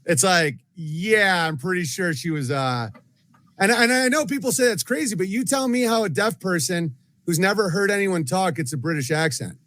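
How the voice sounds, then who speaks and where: Man, interview guest, sardonic, jokey ranting, somewhat high voice. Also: normal speed, fairly bright tone. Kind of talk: joking interview talk.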